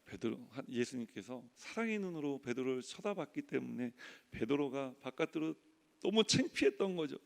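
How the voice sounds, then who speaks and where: A male pastor preaching a sermon, swinging from loud emphatic lines to hushed soft ones and acting out the people in his story. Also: medium pitch, big pitch swings, moderate pace, gravelly, long reverb tail. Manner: acts out quoted voices in dialogue. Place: church sanctuary.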